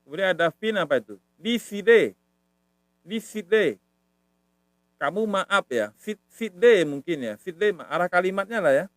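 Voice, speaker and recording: Higher-voiced man teaching casually. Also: lively intonation, measured pace, no room sound. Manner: repetitive, patient, says "ya" often. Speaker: language teacher. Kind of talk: casual live-stream lesson.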